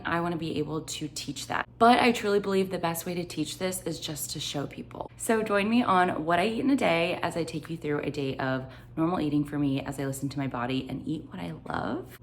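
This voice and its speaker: A Finnish nutritionist and vlogger in her thirties narrates what she eats in a day, chatting casually and upbeat with viewers she calls "guys." Her voice sits on the low side, with a little hiss or hum in the recording.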